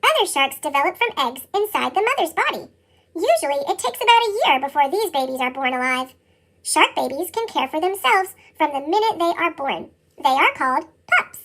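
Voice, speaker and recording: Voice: sits high, big pitch swings, a little fast, bright, forceful tone. Sped-up chipmunk-voice storybook reader. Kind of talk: reading a nonfiction picture book aloud.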